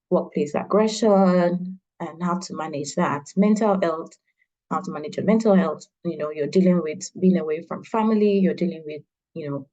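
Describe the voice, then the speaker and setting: A woman hosting an online launch meeting, talking in a halting way with many fillers and restarts. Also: low voice, warm tone, slightly rough, rough recording. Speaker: event host.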